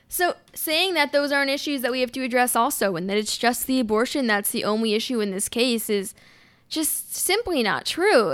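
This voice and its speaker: A young woman hosting a solo commentary podcast, talking in an impassioned way with restarts and quick asides. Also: fairly high pitch, a bit bright, no echo. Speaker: podcast host.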